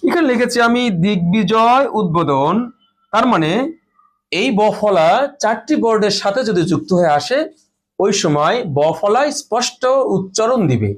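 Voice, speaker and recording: High-voiced man teaching a grammar lesson. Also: expressive. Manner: explains slowly, repeats each rule and example words. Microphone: phone or camera in front of a board.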